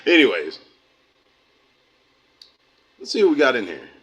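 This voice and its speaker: A man's voice: medium pitch, wildly swooping pitch, a little slow, fairly bright tone, slightly rough, muffled recording. Folksy American man preaching to his stream. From United States. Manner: folksy, rambling, drifts into preaching. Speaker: host of a livestream channel. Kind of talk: casual livestream talk, reading chat.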